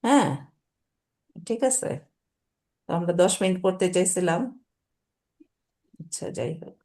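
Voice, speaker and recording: A woman's voice: lowish voice, a little slow, dark tone. A woman teaching a Quran reading class over a video call, explaining patiently and often checking with students whether they follow. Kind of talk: online class lesson.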